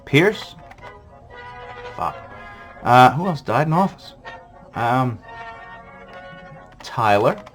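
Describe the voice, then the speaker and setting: His medium-pitched voice swings widely, stretching out words and pausing often, with faint music in the background. This vlog host, wired on coffee, gives a rambling, profane, filler-heavy comedic rundown of the presidents.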